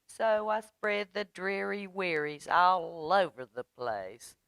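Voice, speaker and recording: A woman's voice: lowish voice, lively intonation, takes it slowly, vocal fry, fairly bright tone, no room sound, voice pushed up, heavily acted. A woman voicing a glum, self-pitying male fish from a picture book, in a dramatic singsong manner. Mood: glum, resigned.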